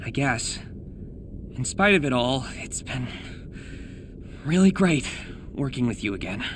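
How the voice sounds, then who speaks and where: A man's voice: mid-range voice, big pitch swings, measured pace, slight background noise. A man playing a guarded, earnest young superhero in a video game, conversational and slightly hesitant. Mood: regretful, warm. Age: young adult. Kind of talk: naturalistic video game voice acting.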